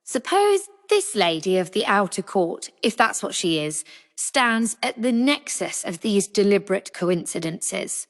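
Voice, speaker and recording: A woman voicing a sharp young female apothecary, dry and matter-of-fact. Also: mid-range voice, big pitch swings, measured pace, long reverb tail.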